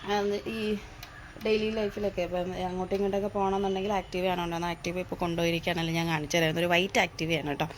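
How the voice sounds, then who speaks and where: A young woman from Kerala, hoarse from a lingering cough, chatting casually to viewers at home in a vlog, with plenty of fillers. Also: lowish voice, little pitch movement, rapid-fire, slight background noise. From Kerala, India. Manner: chatty, with many "appam" and "aa" fillers, addressing viewers as guys. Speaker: vlogger. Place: at home, indoors and in the yard.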